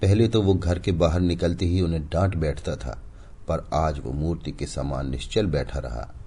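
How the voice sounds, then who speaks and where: Deep, husky male storyteller. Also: moderate pace. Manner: expressive, dramatic. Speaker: audiobook narrator. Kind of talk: story reading.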